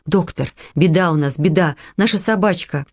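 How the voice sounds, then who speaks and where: A woman voicing a panicked mother who is a vet, pleading in a high, ringing voice about her hurt dog. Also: normal speed, darkish tone. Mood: frantic.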